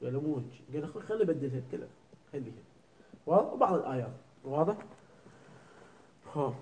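Male cleric-teacher, high voice, questions students constantly through a jurisprudence class. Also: lively intonation, quick pace, mellow, slight background noise, low-quality recording. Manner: keeps asking students "clear?" and quizzing them. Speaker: religious teacher. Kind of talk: seminary jurisprudence lesson.

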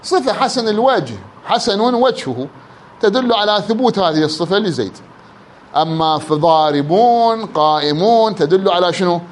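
High-voiced Iraqi man teaching grammar. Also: animated, a little hiss or hum. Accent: Iraqi Arabic. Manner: quizzes students, drawls words out slowly to illustrate. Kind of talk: classroom lesson.

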